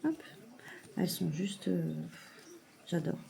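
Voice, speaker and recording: Slow-talking mother unboxing at home. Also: on the low side, sing-song, gravelly, slightly rough. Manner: slow, hesitant, many fillers, soft gushing. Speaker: mother unboxing a parcel of saving challenges. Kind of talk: casual unboxing vlog. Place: at home at a table.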